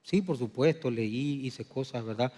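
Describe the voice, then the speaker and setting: A man preaching a sermon as pastor, dropping to a hushed, low delivery and then rising to loud, emphatic declarations. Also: a little slow. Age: adult. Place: church sanctuary. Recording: long reverb of a church hall.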